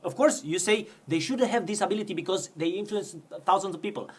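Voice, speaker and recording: Male host, husky and high; earnest, reasonable counterpoint. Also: quick pace. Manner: earnest, pushes back, some restarts. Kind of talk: conversational debate.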